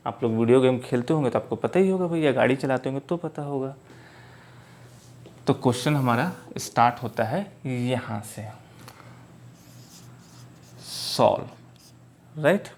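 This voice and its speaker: A man teaching math at a board, speaking slowly and often checking that his students follow. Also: mid-range voice, a little mellow. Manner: slow, repeats "clear?" checks to students. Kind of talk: board lesson in Hindi mixed with English.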